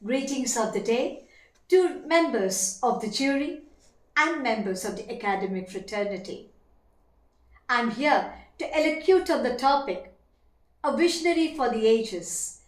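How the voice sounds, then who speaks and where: A woman with an Indian accent delivering formal competition oratory in a declamatory, deliberate, emphatic manner with dramatic pauses. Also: fairly high pitch. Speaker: teacher competing in elocution contest. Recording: echoey room.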